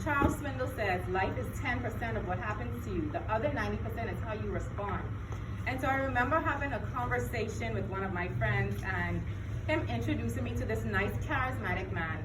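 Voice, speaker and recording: A woman's voice: on the high side, noisy background. Woman from the Bahamas, echoey hall. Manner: earnest storytelling with acted-out quotes. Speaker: testimony speaker. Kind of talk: personal testimony to an audience. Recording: echoey hall, mic from far off. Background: room ambience.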